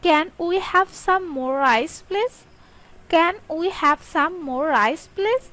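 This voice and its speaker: A woman with a very high voice runs a sentence drill, reading each English phrase at a crawl with careful spacing. Her Bengali lines are much quicker than the English. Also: lively intonation, a bit bright, low-quality recording. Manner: slow, carefully spaced delivery, Bengali read quickly, English drawn out. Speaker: English teacher.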